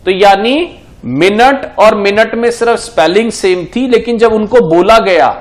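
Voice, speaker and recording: A man with a high voice and an Indian accent teaches a lesson at a board. He talks unhurriedly, poses questions and answers them himself, and switches between Hindi and English as he explains. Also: a little slow. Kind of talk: exam-prep lesson at a board.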